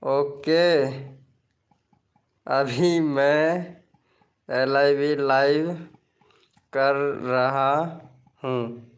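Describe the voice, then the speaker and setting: Slow-talking man with a smooth voice. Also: mid-range voice, fairly even intonation, muffled recording. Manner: chatty, repeats phrases, reads viewer comments aloud. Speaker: live streamer greeting viewers. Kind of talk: casual livestream chat.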